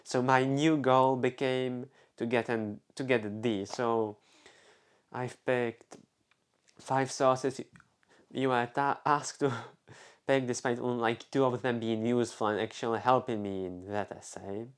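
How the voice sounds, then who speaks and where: Speaking a little slowly in a steady, clean, medium-pitched tone, a young Czech man recounts a personal anecdote for his vlog. His Czech accent comes through as he rambles, breaks off mid-thought and leans heavily on "like" and other fillers.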